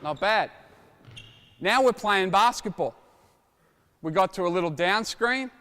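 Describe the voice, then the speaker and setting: Energetic basketball coach in a gym. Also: male voice, high voice, unhurried. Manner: energetic, shouts drill instructions. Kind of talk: coaching clinic demonstration. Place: indoor basketball court. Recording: long reverb of a large gym.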